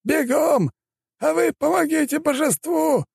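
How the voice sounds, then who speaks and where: A man voicing a fanatical old male vampire elder who shouts in a high strained voice. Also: animated, a little slow, creaky, no echo, heavily acted. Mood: furious.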